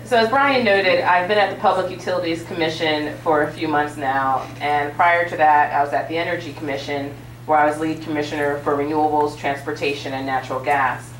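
A state utilities commissioner gives formal policy remarks on a panel from a large auditorium stage before an audience, using many small fillers. Her low-pitched voice is fairly even and a little fast, captured from a distance with roomy hall sound and slight background noise.

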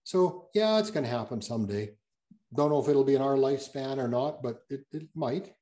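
A man's voice: medium pitch, animated, fairly quick, mellow. A man speaking as a guest geologist, answering audience questions on a video call in a rambling, self-correcting way with many fillers.

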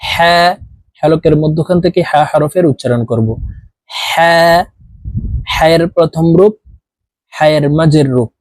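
A man with a Bangladeshi Bengali accent teaching Arabic letters slowly, one by one, with the letter names drawn out and chanted. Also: on the high side, warm tone, no echo. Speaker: Quran teacher. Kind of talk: slow letter-by-letter lesson.

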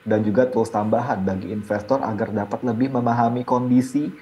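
A man's voice: mid-range voice, fairly even intonation, brisk, warm tone. A middle-aged man, a guest expert on a business show, explaining steadily over a video call with some fillers. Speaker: stock exchange division head, guest. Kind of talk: interview answers on a business show. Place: indoors, video call from a trading hall.

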